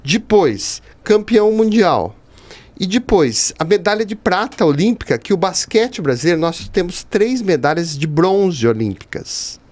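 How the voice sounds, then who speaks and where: A Brazilian man in his fifties, a teacher and writer, speaks as a podcast guest, answering in a conversational way while explaining things emphatically and dropping in rhetorical asides. His voice is high and somewhat dark, with big swings in pitch, and he takes his time.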